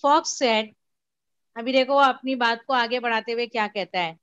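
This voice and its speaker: A woman's voice: fairly high pitch, a little slow, fairly bright tone, smooth, no echo, lo-fi sound. A woman teacher explaining a story to a class, patiently repeating and mixing in English. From India. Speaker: school teacher.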